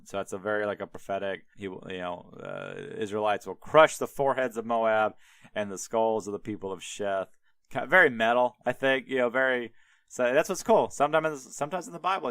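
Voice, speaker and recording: A man's voice: mid-range voice, fairly bright tone, clean tone, dry recording. A man hosting a podcast, retelling a Bible story casually in a rambling, irreverent way full of fillers. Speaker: podcast host.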